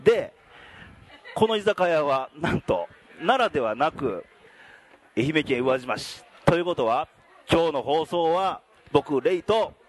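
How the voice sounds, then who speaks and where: A man's voice: fairly high pitch, a little slow. A man hosting a casual podcast recorded in a busy izakaya, asking questions and laughing along, with an Ehime accent. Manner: lively, laughing, leading questions. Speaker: podcast host. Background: pub chatter.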